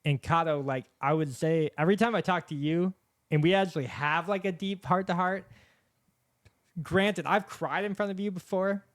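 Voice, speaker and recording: A man's voice: high voice, moderate pace, no room sound. A man with a lisp hosting a casual podcast chat, earnest and rambling, with lots of fillers. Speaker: podcast host. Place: podcast set with camera and microphones. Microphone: studio microphone.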